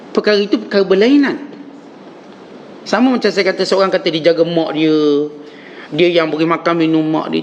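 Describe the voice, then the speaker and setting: Gravelly Malaysian preacher, lively storytelling. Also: male voice, muffled recording, a little hiss or hum. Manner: colloquial storytelling, acts out quoted people in a higher voice. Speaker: religious teacher. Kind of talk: dawn mosque lecture.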